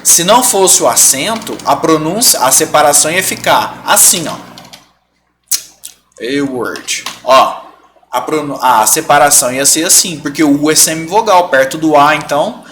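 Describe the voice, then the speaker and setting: A man's voice: on the high side, lively intonation, normal speed, fairly bright tone, slight background noise. A Brazilian man teaching a live online grammar lesson, explaining step by step, stretching out example words and often checking in with his students. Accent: Brazilian Portuguese.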